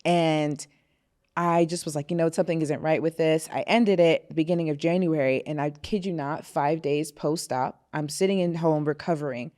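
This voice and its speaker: A woman's voice: low-pitched, fairly even intonation, normal speed, darkish tone. A young woman from Florida chatting candidly as a podcast guest, laughing often and using fillers like "you know". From Florida, USA. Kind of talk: casual podcast chat.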